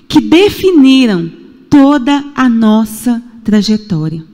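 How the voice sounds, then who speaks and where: A Brazilian Portuguese-accented woman in her forties gives a sermon in a church sanctuary, captured in an echoey hall. Her fairly high voice swings widely in pitch, with a slow pace and a slightly mellow quality. She hammers points home through repetition and rhetorical questions.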